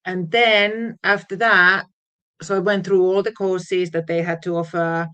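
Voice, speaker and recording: A woman's voice: fairly low pitch, level tone, measured pace, pushed and bright, clear, resonant tone. A woman from Finland with a Finnish accent, chatting about her music path as an interview guest, with fillers and frequent laughs. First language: Finnish and Swedish. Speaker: guest DJ and producer. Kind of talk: casual interview chat.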